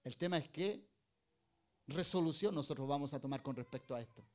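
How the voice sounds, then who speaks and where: A middle-aged man preaching a sermon as pastor, firing rhetorical questions and swinging between loud emphasis and low, quiet asides. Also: fairly quick.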